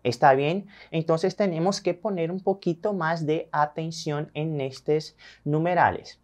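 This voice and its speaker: Brazilian teacher drawing out each number. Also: male voice, a little high, fairly even intonation, a little mellow. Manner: addresses viewers directly, draws out numbers slowly. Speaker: Spanish teacher. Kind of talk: recorded classroom lesson.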